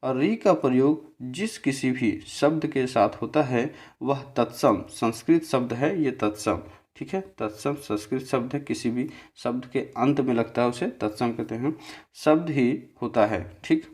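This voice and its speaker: A man's voice: medium pitch, darkish tone. A man teaching a grammar lesson over a slide, explaining step by step and often checking in with his listeners. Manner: slow, repetitive, checks in with "theek hai"; spells out syllables slowly.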